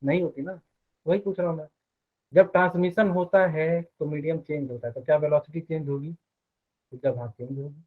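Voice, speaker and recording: Male physics teacher, slightly high voice, thin phone-like sound, asks a lot of questions. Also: steady tone. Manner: explains step by step, quizzes students with quick questions. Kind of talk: live online class.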